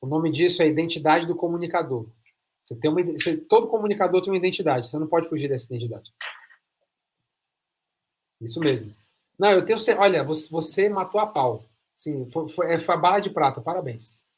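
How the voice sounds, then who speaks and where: A Brazilian podcast host with a slightly high voice and lively intonation speaks fairly quickly during an enthusiastic interview. He stresses his points emphatically, often by repeating phrases.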